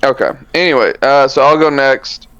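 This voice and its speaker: A man's voice: mid-range voice, moderate pace, clear, resonant tone, no echo, lo-fi sound. A man co-hosting a card game podcast, recapping tournament rounds in a loose, rambling way with lots of fillers. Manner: relaxed, rambling, many fillers and self-corrections. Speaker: podcast co-host.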